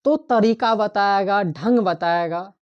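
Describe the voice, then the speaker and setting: A woman teaches an exam-prep grammar lesson at an unhurried, deliberate pace, posing questions to her students and saying each key term twice. Her voice sits in a middle register. The recording is dull and lo-fi. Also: medium pitch, clear, resonant tone. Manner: asks the class questions and repeats key terms.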